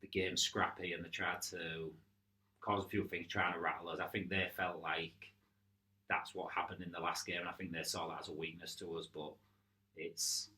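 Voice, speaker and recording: A man's voice: sits low, little pitch movement, moderate pace, bright, forceful tone. A man co-hosting a casual futsal podcast, agreeing often and recounting match incidents. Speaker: futsal club podcast co-host.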